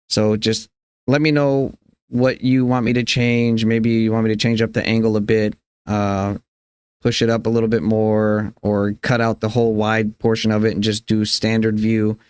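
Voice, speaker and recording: A man's voice: fairly low pitch, clean tone, no room sound. A man giving a casual, rambling introduction to his vlog viewers. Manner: informal, rambling. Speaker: vlogger.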